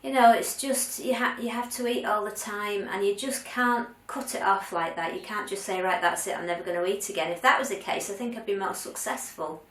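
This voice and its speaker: A woman's voice: mid-range voice, moderate pace, few pauses, fairly bright tone. Older lady vlogging to camera, chatty, lots of ums, sounds a bit far off in an echoey room. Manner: chatty and candid, with frequent ums and restarts. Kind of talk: casual chat to camera. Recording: roomy sound, mic at a distance.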